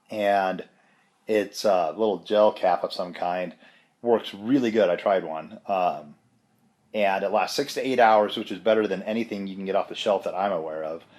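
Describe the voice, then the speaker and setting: Low-voiced man, sick with a chesty cough. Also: a little mellow. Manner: rambling, self-deprecating. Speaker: vlogger giving a health update. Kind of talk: casual personal update.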